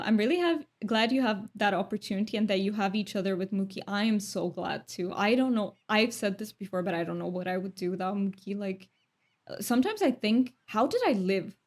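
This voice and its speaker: Reading her chat aloud, a talkative Romanian woman streamer speaks at a normal speed in a medium-pitched voice. The conversation is casual, and she comes across as thoughtful and chatty, laughing often.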